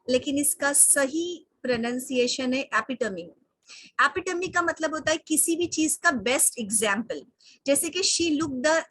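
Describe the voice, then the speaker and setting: A woman with a high, bright voice teaches an online English lesson. She spells words out slowly, says them again and again, and mixes English into her explanations. The sound is dry and close, from a computer mic on a video call. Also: dry recording. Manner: slow careful spelling-out and repeating of words.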